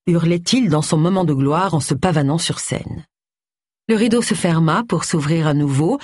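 An expressive woman reads a novel aloud with a lively, swinging pitch and a slightly husky tone. The recording is close and dry, with no room sound. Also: dry recording. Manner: expressive, changes voice for each figure. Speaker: audiobook narrator. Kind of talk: scripted narration.

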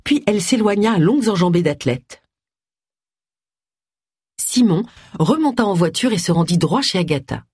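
A woman narrating an audiobook with expressive storytelling. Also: mid-range voice, moderate pace, long pauses, slightly rough, no room sound, studio quality.

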